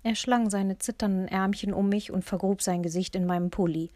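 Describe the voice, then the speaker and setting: A woman reading a first-person audiobook in a measured, tense storytelling manner. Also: medium pitch, steady tone, mellow, no echo. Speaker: audiobook narrator. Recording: dry close-miked studio.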